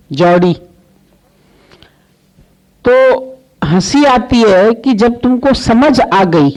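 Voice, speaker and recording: A woman's voice: on the high side, darkish tone, low-quality recording. A woman spiritual teacher delivering a devotional sermon, telling a parable and acting out its dialogue.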